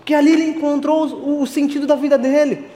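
A man's voice: very high voice, fairly even intonation, brisk, dark tone. A man preaching an earnest sermon, telling illustrative stories with emphatic delivery. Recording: long reverb, faint music.

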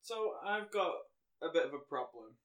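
A man co-hosting a podcast, chiming in with quick jokes and banter. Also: fairly high pitch, lively intonation, fairly bright tone, echoey room. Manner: quick jokey interjections, laughs a lot. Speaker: podcast co-host. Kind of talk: casual banter.

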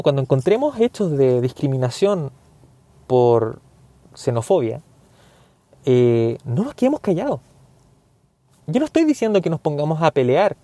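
A man's voice: mid-range voice, warm tone, no echo. A man from Chile with a Chilean accent, giving an earnest, indignant opinion monologue full of hesitant fillers.

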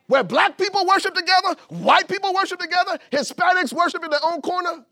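A preacher from Liberia delivers a sermon with a high voice. He builds his points with rising emphasis and at times shouts them out to the congregation. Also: lively intonation, fairly quick. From Liberia, West Africa. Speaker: pastor.

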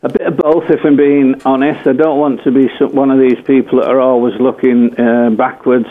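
A man's voice: medium pitch, flat delivery, moderate pace. An older English man, a former footballer, telling a rambling anecdote full of fillers and self-corrections. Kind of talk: anecdotal storytelling. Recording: tinny phone-like radio line.

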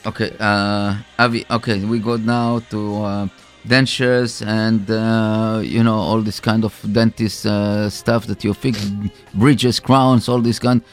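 Halting male radio co-host over music. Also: fairly low pitch, little pitch movement. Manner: halting, repetitive, circles back on phrases. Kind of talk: improvised radio announcements and sponsor plugs.

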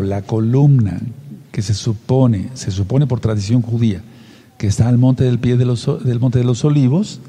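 A long reverb tail trails after a warm, mid-range male voice. He is a Bible teacher guiding a study, reading scripture aloud, pausing to unpack it, and asking his listeners questions.

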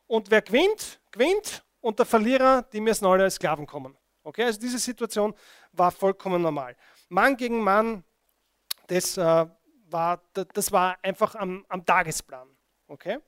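High-voiced preacher telling a story. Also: male voice, moderate pace, smooth, dry recording. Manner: animated storytelling, addressing the congregation with frequent "okay?". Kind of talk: sermon.

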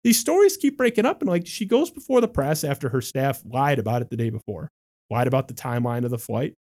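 A man talking through political news on his own show, reading quotes and then tearing into them. His tone is sarcastic and exasperated, with a steady, middle-pitched voice. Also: fast. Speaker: podcast host. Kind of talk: political commentary monologue.

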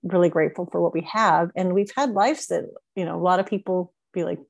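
A woman in her sixties hosts a podcast interview in easy, reflective chat. She talks in a somewhat low voice and fills her sentences with "you know" and "like". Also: a little fast, vocal fry. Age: 60s. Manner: chatty, reflective, many fillers. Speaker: podcast host.

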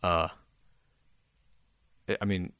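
A very tired, sleepy man with a gravelly voice, hosting a podcast in casual, rambling, self-deprecating solo chat with some casual swearing. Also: sits low, flat delivery, takes it slowly, sharp tone, no room sound. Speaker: podcast host.

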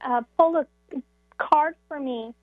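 A woman's voice: high voice, takes it slowly, dry recording. A woman calling in to a show, chatting hesitantly with her voice giving out, over a phone line. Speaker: call-in show caller. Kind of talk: casual chat on a call-in show. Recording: narrow, tinny phone line.

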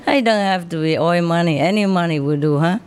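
A woman's voice: lowish voice, normal speed, a little mellow, clear, resonant tone. A woman in her fifties, a spiritual teacher, chatting informally with an audience, joking and chuckling often.

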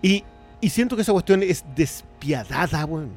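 A Chilean man with a fairly high voice, chatting about films as a podcast co-host. He talks in an animated way and stumbles over repeated words as he starts sentences. Faint music sits under his voice. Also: moderate pace. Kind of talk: casual film chat.

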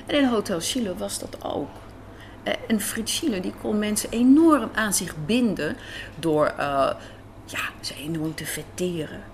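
With a little hiss or hum on the recording and faint café ambience around her, a woman speaks unhurriedly in an animated, medium-pitched voice. She's a radio drama writer and director interviewed in a hotel café, casually sharing stories.

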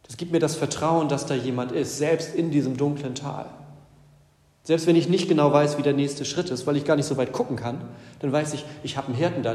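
A man's voice: mid-range voice, darkish tone. Guy pastor giving a chatty sermon, lots of repeating, big echoey church with long reverb. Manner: conversational preaching with repeated phrases and tag questions.

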